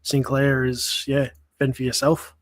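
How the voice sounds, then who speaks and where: Easygoing aussie guest, dry close sound. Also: male voice, medium pitch, monotone, a little slow, no echo. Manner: easygoing, a bit hesitant. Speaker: guest analyst. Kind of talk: casual chat.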